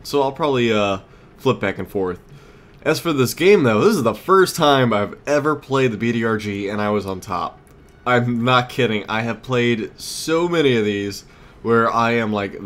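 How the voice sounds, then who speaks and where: A man with a fairly low, slightly bright voice hosts a let's play, giving casual commentary while he mutters and exclaims at the game. Background noise is clear, with game ambience audible.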